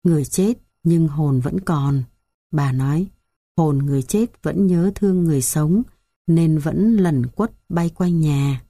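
A woman voicing a kindly old grandmother who comforts a grieving child, speaking softly and soothingly. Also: low-pitched, unhurried, no room sound, studio quality. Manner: soft, soothing.

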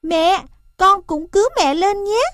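A woman's voice: measured pace, a bit bright, no echo, clean studio sound. Woman voicing a pleading baby elephant. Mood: earnest. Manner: high pleading childlike cries. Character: frightened loving baby elephant, small and young.

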